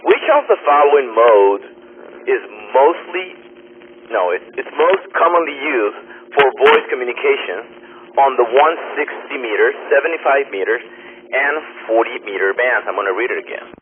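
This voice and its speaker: A man on a ham radio net, heard through a radio transmission, slowly reading exam questions and repeating the options. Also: medium pitch, lively intonation. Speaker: radio net quiz reader. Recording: tinny ham radio with faint static.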